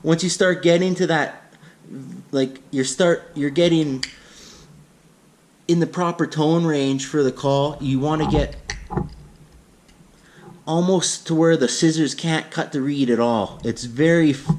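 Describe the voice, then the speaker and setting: A man's voice: fairly high pitch, unhurried, long pauses, a little mellow. A man giving a casual, plain-spoken, unscripted hands-on tutorial as an instructor. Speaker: instructor in a how-to demonstration.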